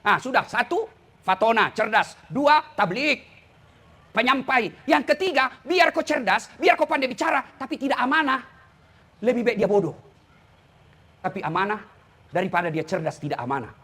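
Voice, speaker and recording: A man's voice: very high voice, lively intonation, normal speed, long pauses, pushed and bright, husky. A man preaching a humorous sermon, teasing his listeners and often addressing them as "Pak". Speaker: preacher and lecturer.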